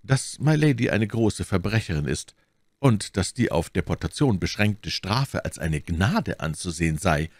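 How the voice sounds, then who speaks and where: A man's voice: deep voice, big pitch swings, measured pace, no echo, clean studio sound, full character voice. A man voicing a haughty, easily angered duke in an audiobook reading, exclaiming with raised indignation. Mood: indignant. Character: haughty English duke, middle-aged, imperious, easily angered. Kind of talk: audiobook character voice.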